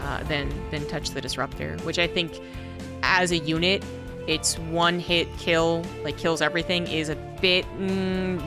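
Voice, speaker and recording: A woman commenting on an esports match, talking through her views in a thoughtful, casual way with many fillers. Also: low voice. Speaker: esports caster. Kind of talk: casual game commentary and analysis.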